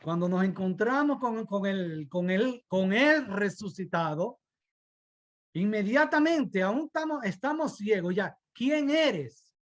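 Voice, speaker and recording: Male preacher, unhurried sermon delivery, fervent with frequent restarts. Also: sits high, animated. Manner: fervent, repeats rhetorical asides; restarts and stumbles mid-phrase.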